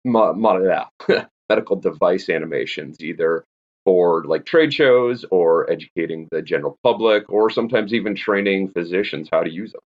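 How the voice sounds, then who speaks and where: A man with a very low voice explains medical animation work as a podcast guest, laughing easily as he goes. The sound is dull and lo-fi. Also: moderate pace. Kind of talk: casual podcast chat.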